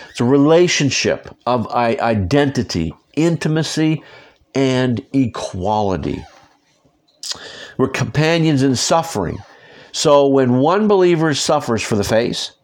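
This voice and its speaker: A man leading a Bible study from his podcasting microphone. His pitch sits in an ordinary middle range, and he talks directly to his listeners, checking in with them as he reads and explains. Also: darkish tone. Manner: conversational, direct, asks listeners to follow along.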